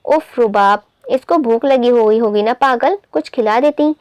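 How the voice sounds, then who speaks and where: A woman voicing a gentle elder sister and young mother. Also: fairly high pitch, unhurried, no room sound, lo-fi sound, lightly acted. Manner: gentle, soothing.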